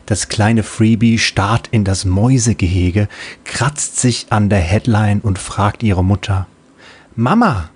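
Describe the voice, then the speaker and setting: Slow, husky male storyteller. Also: fairly low pitch, steady tone, darkish tone. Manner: playful storytelling. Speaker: narrator. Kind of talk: audiobook narration.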